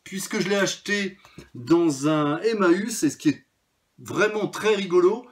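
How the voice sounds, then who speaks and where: A man's voice: sits high, lively intonation, a little slow. A man presenting his vinyl records in a casual video, talking freely with many hesitations and fillers. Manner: chatty, hesitant with frequent fillers.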